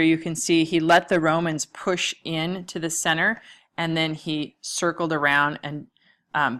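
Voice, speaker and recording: A woman with a low voice gives a history lecture, pointing to maps and slides as she goes. Her delivery is casual and loose, full of small fillers and restarts. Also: bright, forceful tone. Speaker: history teacher. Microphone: lecture recording mic.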